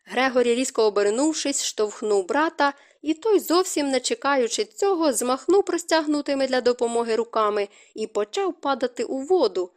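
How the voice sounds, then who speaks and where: A woman narrating an audiobook with even, expressive storytelling. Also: sits high, moderate pace, hardly any pauses. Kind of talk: scripted narration.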